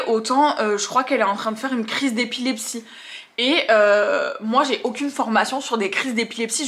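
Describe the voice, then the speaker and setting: A woman tattoo artist telling stories from her work in a vlog, acting out the scenes and the things people said as she goes. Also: on the high side. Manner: animated, acts out scenes and quotes. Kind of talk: storytelling vlog.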